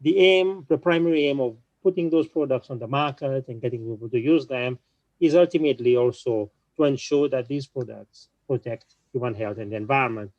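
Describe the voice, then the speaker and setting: A man speaking on a conference panel, explaining at a measured pace and often restarting his sentences. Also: mid-range voice, darkish tone, no echo, dull audio. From small island nation.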